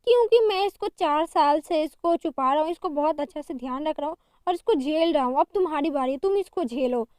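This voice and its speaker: A smug, lazy husband lounging at ease, as a woman narrator reads him out. He is unbothered and sounds very high and mellow. The voice sits close and dry. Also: animated, a little fast, no echo. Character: smug calm man, a lazy live-in husband.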